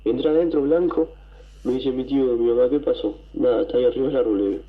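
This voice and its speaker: A man with an Argentine accent, telling a story to a radio show, excited and rambling, with coughs and throat clearing. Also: medium pitch, fast, phone-quality sound. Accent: Argentine Spanish. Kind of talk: casual storytelling.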